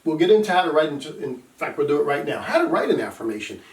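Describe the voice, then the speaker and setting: A man's voice: on the high side, sing-song, quick pace. A middle-aged man, a recovery coach, talking earnestly and emphatically to camera and telling stories from his own life. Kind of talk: casual talk to camera. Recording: echoey room, mic at a distance.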